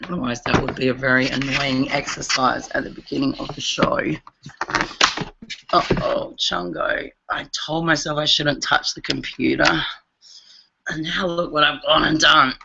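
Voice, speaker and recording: A man's voice: medium pitch, fairly even intonation, normal speed, creaky, muffled recording, heavy background noise. A man co-hosting a casual online video-call show, weary and self-mocking, joking with his co-host. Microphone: webcam.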